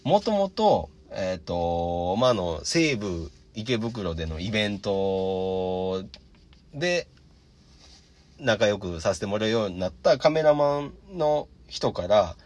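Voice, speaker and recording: Lively Kansai-accented man telling stories. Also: lowish voice, slow. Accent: Kansai Japanese. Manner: lively, animated retelling with acted-out quotes. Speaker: podcast host. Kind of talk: casual storytelling.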